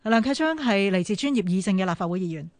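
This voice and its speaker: A woman with a Hong Kong Cantonese accent hosting a radio phone-in, asking brisk, probing questions. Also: mid-range voice, lively intonation, a little mellow, no room sound.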